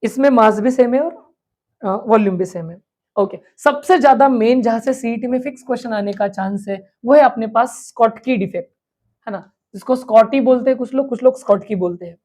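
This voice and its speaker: A woman teacher giving an exam revision lecture. She asks questions aloud and answers them herself, and she slowly repeats key terms. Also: a little high, a little mellow. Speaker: chemistry teacher.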